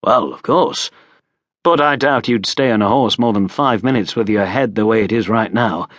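This audiobook character voice comes from a man with a lowish, fairly bright tone at a moderate pace, captured dry and clean in a studio. He plays a short, broad lord, bluff, welcoming, hearty and plain-spoken, treating guests with informal hospitality.

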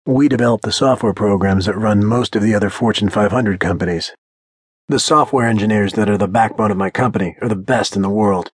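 A man's voice: lowish voice, a little fast, breathy edge, dry recording. A man narrating a first-person audiobook in a blunt, confident manner.

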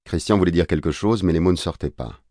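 A man reading an audiobook as narrator, in a measured, even way on a close microphone. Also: low voice, no room sound. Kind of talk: scripted narration.

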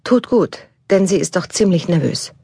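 A woman's voice: fairly low pitch, expressive, moderate pace, vocal fry, dark tone, breathy edge, dry recording. A woman narrating a contemporary novel as an audiobook, raising her voice for the characters' dialogue.

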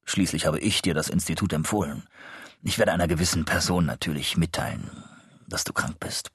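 A man voicing a middle-aged male psychologist in an audiobook, speaking smoothly, evenly and with quiet insistence. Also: sits low, fairly quick, no echo, clean studio sound. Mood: soothing. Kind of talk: audiobook character reading.

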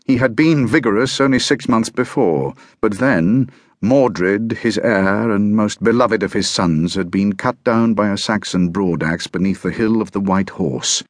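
A man narrating a historical novel audiobook in a measured, grave first-person storytelling manner. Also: lowish voice, no room sound, studio quality.

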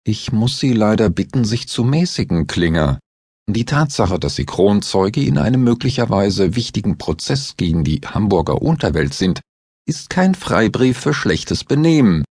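A man's voice: on the low side, sing-song, moderate pace, darkish tone, husky, dry recording, full character voice. A man voicing a composed male doctor-investigator who speaks with dry, amused mockery.

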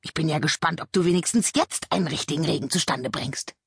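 A woman voicing a wise, reproachful male talking raven in a children's audiobook, with a croaking, shrill delivery. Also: fairly quick, dry recording, clean studio sound, full character voice. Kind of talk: audiobook character voice.

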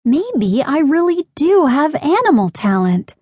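A woman's voice: sits high, very animated, measured pace, darkish tone, pitched above the performer's own voice. A woman voicing an earnest, eager young girl in a children's audiobook, with a timid, wondering manner.

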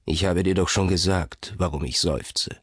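Rich: A tired old man who sighs his way through a sales pitch, deep and hushed, as a male narrator puts him on. The voice is husky and breathy, recorded close and dry with no room sound. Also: fairly even intonation, moderate pace, dry recording. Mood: weary, persuasive. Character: old man weary and sighing, selling a cursed bottle.

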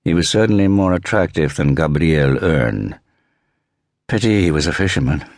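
Deep-voiced male audiobook narrator. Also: animated, normal speed, no echo, clean studio sound. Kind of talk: scripted narration.

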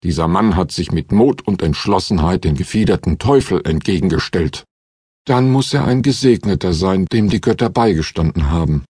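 A man voicing a gruff, commanding male warrior with a booming bass, in an audiobook. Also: animated, normal speed, darkish tone, dry recording, clean studio sound. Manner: booming, stern.

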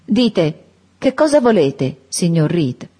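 A woman's voice: lowish voice, very animated, slow pace, breathy edge, exaggerated voice. A woman voicing a rude, domineering fourteen-year-old boy who taunts and orders people about in a storybook reading. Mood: bossy. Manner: taunting, bossy shouting.

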